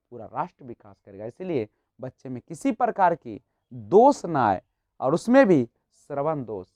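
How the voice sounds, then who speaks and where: A man's voice: mid-range voice, darkish tone, no room sound. Guy teaching a prep class, asks questions then answers them, muffled lo-fi mic. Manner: explanatory, rhetorical questions, frequent tag "nahin". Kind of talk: exam-prep lecture. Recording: dull lo-fi, dry.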